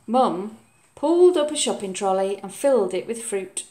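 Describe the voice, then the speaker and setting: A woman reading a children's story aloud in a measured, expressive way. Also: mid-range voice, a little hiss or hum. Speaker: storybook reader.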